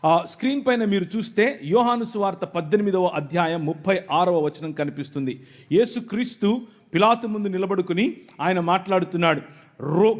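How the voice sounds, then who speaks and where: A man from Andhra Pradesh preaching a sermon before a large live crowd, mixing joking asides with patient explanations. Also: high-pitched. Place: large venue before thousands.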